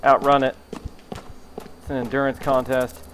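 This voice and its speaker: A man's voice: medium pitch, monotone, normal speed, a bit bright, slight background noise, low-quality recording. A young man giving live commentary on a horror game, jumpy and profane, laughing and talking back to what happens on screen. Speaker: streamer. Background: game music.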